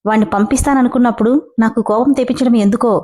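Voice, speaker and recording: A woman reading the lines of a gentle middle-aged mother who pleads for her son. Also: on the high side, steady tone, fast talker, lightly acted. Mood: pleading. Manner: pleading, soft.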